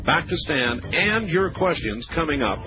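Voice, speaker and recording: Male talk radio host, smooth broadcast delivery, unhurried and conversational, heard over a muffled lo-fi radio feed. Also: on the high side, music in the background. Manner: relaxed, conversational, with frequent "uh" and "um" pauses. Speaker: late-night radio talk show host. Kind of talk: radio call-in talk show hosting. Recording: dull lo-fi radio broadcast with faint hiss.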